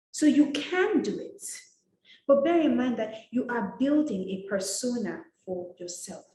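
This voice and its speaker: A woman's voice: mid-range voice, darkish tone, slight background noise. A woman from Nigeria teaching an etiquette masterclass, talking in a direct, emphatic and scolding way. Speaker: etiquette coach. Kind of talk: motivational masterclass talk. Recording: roomy echo.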